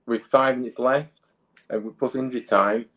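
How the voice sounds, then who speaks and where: A man's voice: medium pitch, steady tone, normal speed, pushed and bright, low-quality recording. A man as a guest pundit on a football watchalong, talking the match over in a hesitant way. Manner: hesitant, searches for words. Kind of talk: casual football analysis.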